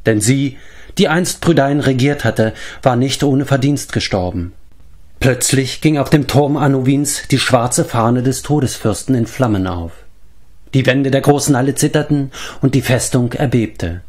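A man at mid pitch narrating a fantasy novel as an audiobook. His reading is measured and steady, carrying the story along calmly. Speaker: audiobook reader.

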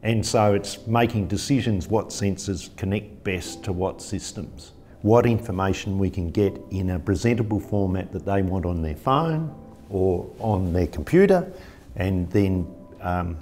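A man's voice: deep voice, a little slow, a little mellow, faint music behind. A middle-aged man, a farmer explaining his work in an office interview, thoughtful and explanatory. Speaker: farmer and business partner. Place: office meeting room.

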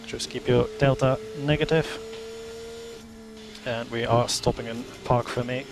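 A man talks as a race engineer over race car team radio, steady and instructive. His gravelly voice stays flat and even in pitch. The radio link carries clear static. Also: unhurried. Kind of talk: calm radio briefing.

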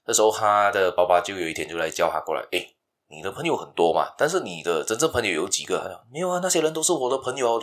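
A man's voice: low-pitched, a bit bright. A man hosting a casual storytelling podcast, chatty and conversational. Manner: chatty, conversational, restarts often.

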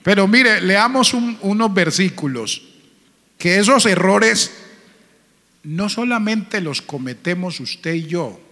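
A male pastor preaching in a church, his bright, forceful voice carried by a long hall reverb. He tells stories with passion, rising to loud peaks and sinking to hushed lines. The pitch sits a little above average for a man. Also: lively intonation, takes it slowly. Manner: emotional storytelling, voice swells loud then drops to a near murmur. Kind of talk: sermon.

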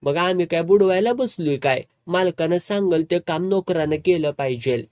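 A man's voice: high-pitched, lively intonation, moderate pace, darkish tone, no echo. A drunk, belligerent rustic man with a raised, pushy voice, as a storyteller puts him on. His talk is slurred and quarrelsome, and the recording is close and dry.

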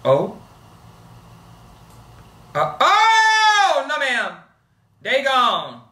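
A young man hosting a movie reaction video, loud and dramatic, swearing and shrieking at the screen. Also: extremely high pitch, huge pitch swings, drawn-out words, echoey room, recorded from a distance.

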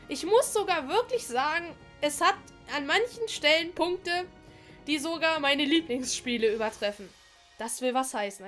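She has a high, bright voice and talks in a chatty, gushing way, like a let's-play gamer sharing every reaction as it comes. Soft game music plays faintly underneath her. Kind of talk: casual commentary over gameplay.

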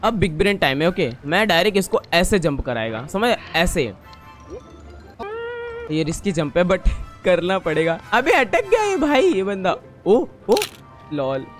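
Excitable young gamer, lively pitch. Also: male voice, unhurried, soft background music. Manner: excitable, talks to viewers, scolds the game. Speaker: gaming YouTuber. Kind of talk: casual gameplay commentary.

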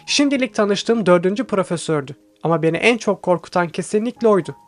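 A man reading a first-person audiobook with tense, steady storytelling. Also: sits high, a little fast. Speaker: audiobook reader. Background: faint background music.

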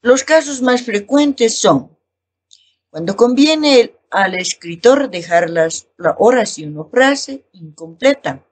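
A woman teacher with a Bolivian Spanish accent, explaining a lesson slowly and reading examples aloud. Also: a little high, animated, husky. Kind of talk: recorded class lesson.

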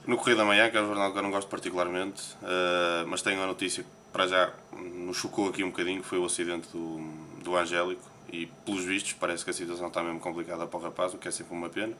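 A man with a European Portuguese accent talks through news headlines in a relaxed, rambling way, pausing often to hesitate. His voice sits very low yet has a bright, forceful edge. A faint hiss of background noise runs under the recording. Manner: relaxed, chatty, with frequent hesitations. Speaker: poker player interviewee. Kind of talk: casual interview, commenting on newspapers. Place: Las Vegas, morning.

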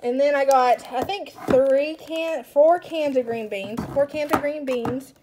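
A young woman chatting excitedly as she unpacks groceries at home, with self-mocking asides and bursts of delight. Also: high-pitched, unhurried, background noise. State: out of breath. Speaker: stay-at-home mom vlogger. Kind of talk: casual grocery haul chat. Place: home kitchen. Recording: rustling bags and clicks behind.

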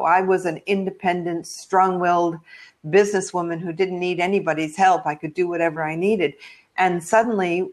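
Older woman, American, lowish voice, travel blogger guest, chatty storytelling, video call from home. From United States. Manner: warm, chatty storytelling with frequent ums. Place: living room at home.

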